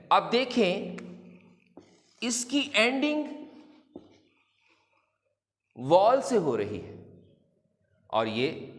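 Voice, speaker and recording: A man teaching a lesson to children, explaining slowly and deliberately and drawing out example words. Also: high-pitched, big-room sound. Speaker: English teacher.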